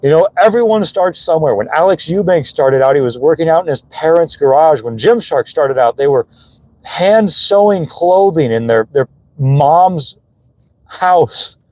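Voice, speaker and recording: A man's voice: a little high, lively intonation, unhurried, darkish tone, no echo, rough recording. A young man vlogging from his phone, talking earnestly and emotionally to his viewers, swearing casually as he encourages them. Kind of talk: motivational talk to viewers. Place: gym.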